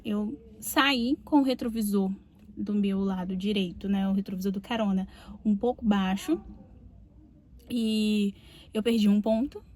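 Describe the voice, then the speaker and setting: A woman's voice: medium pitch, a little mellow. A young Brazilian woman, a psychologist and podcast host, telling a personal story in a chatty way, often adding little tag questions. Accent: Brazilian Portuguese. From Brazil, Rio de Janeiro state.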